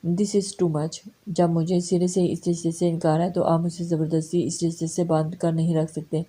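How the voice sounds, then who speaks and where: A woman's voice: on the low side, level tone, dark tone, close to an everyday voice. A woman reading the lines of a proud, defiant young woman in a romance novel, cold and curt.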